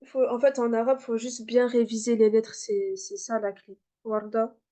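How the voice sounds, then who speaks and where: A woman's voice: on the high side, flat delivery, moderate pace, dark tone. A woman teaching a beginner class, patiently repeating and demonstrating letter sounds. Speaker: Arabic teacher.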